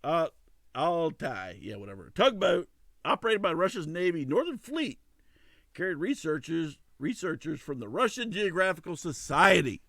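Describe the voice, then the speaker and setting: Lively high-voiced man hosting news chat. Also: moderate pace, vocal fry, no echo, clean studio sound. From El Salvador. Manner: reads stories loosely, stumbles, laughs. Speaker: podcast host. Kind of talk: casual comedic news chat.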